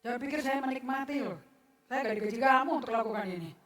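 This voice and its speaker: A woman's voice: fairly high pitch, quick pace, distant mic. A woman pastor preaching a sermon to her congregation, blunt and scolding, mixing formal words with slang and jokes. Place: church service. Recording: echoey church hall.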